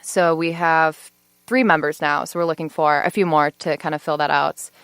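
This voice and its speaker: A woman's voice: low voice, fairly even intonation, normal speed, a bit bright, clear, resonant tone, dry recording. A woman in her twenties, a law student, chatting as a podcast guest with lots of fillers and easy laughs. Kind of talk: casual podcast interview.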